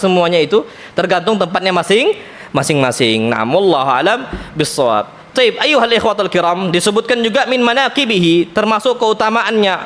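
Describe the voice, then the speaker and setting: An ustadz delivers an Islamic study lecture in an Islamic center lecture hall, speaking in a lively way, often addressing listeners as "Pak" and weaving in Arabic terms. His voice is high.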